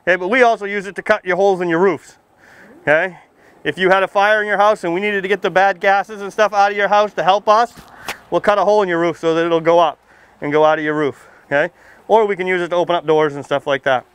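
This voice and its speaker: An American firefighter speaks quickly, his high voice clean, a bit bright and fairly even in intonation. He's giving young children an informal outdoor demonstration under a tent beside a fire truck, projecting in a folksy manner with simple questions.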